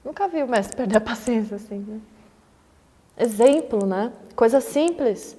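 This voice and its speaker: A woman's voice: on the high side, lively intonation, unhurried, mellow. Woman giving a dharma talk in a reverberant hall. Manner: conversational, frequent tag questions, acts out quoted voices. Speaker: Buddhist teacher.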